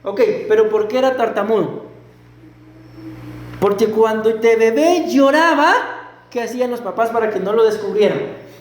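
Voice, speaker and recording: Pastor, man, high voice, lively sermon delivery, echoey church hall. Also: moderate pace, pauses often. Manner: animated preaching, rhetorical questions to the congregation; acts out quoted voices and a stutter. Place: church sanctuary.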